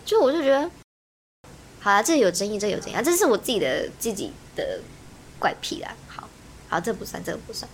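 A young woman, chatting on a podcast in an animated, ranting way and laughing often. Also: medium pitch, a little fast, slight background noise. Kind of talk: casual chat.

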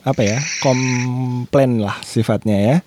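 A man co-hosting a casual podcast, teasing and firing back quick retorts. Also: mid-range voice, steady tone, noisy background. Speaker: podcast co-host.

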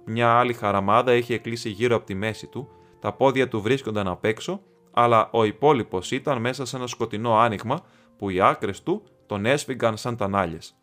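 A man from Greece reading an audiobook aloud in a steady, measured narration. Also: mid-range voice. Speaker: audiobook reader. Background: faint music.

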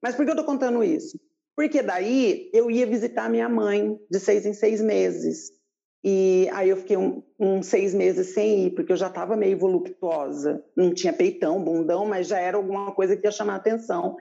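A woman telling her life story in an interview, animated, acting out quoted voices with big jumps in pitch. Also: moderate pace, gravelly. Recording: dull lo-fi sound.

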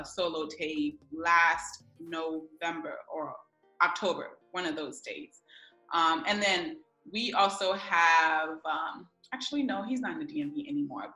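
A young woman from Ghana, a music publicist, chatting casually in an interview with lots of fillers. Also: lowish voice. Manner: relaxed, many fillers. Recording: echoey room with faint music.

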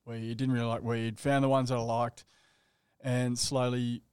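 A man's voice: medium pitch, flat delivery, moderate pace, a little mellow, clear, resonant tone, no room sound. Laconic Australian man, dry close sound. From Australia, Western Sydney and the Gold Coast. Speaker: podcast guest, endurance athlete. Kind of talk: casual personal storytelling.

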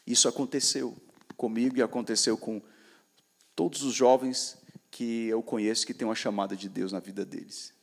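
Man, Brazilian accent, youth preacher, sermon, emphatic, repetitive call-and-response, loud-to-soft swings. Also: medium pitch, steady tone, normal speed, gravelly. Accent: Brazilian Portuguese.

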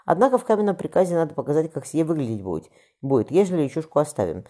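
A man voicing a stern, thoughtful older master architect who speaks gruffly and instructively. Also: on the high side, sing-song, rapid-fire, dark tone, voice pushed up.

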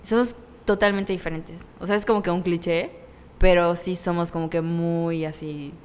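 A woman's voice: on the low side, moderate pace, clear, resonant tone. A young woman chatting casually about her mother, quoting her own reactions. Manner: relaxed storyteller, quotes her own reactions. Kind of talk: casual chat. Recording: long reverb.

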